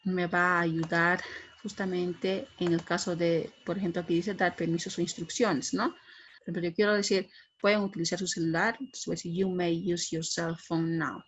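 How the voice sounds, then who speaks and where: A woman's voice: fairly low pitch, level tone, moderate pace, slight background noise. A middle-aged woman giving an English grammar lesson, explaining patiently and checking in with frequent tag questions. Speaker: English teacher.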